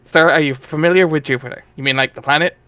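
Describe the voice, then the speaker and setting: A man voicing a sardonic, rambling teenage boy with a drawling, deadpan delivery in a dramatic reading of a webcomic. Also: fairly high pitch, fast talker, no echo.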